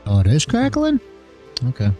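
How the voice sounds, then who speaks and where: A man's voice: on the high side, wildly swooping pitch, normal speed, warm tone. A man hosting a live trading stream and chatting casually, his microphone crackling and distorted. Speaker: stream host and market trader. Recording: crackling distorted mic with music behind.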